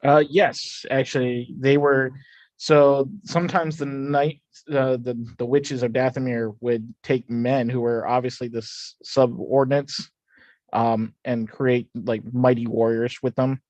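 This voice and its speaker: A man's voice: mid-range voice, little pitch movement, measured pace, a little mellow, no room sound. A man co-hosting a casual watch-along livestream, explaining lore with plenty of fillers and restarts. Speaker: podcast co-host.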